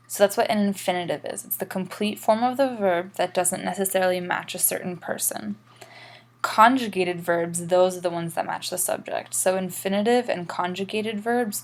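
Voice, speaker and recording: A woman teaching French grammar in a recorded lesson, explaining patiently and slowing down for examples. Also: on the low side.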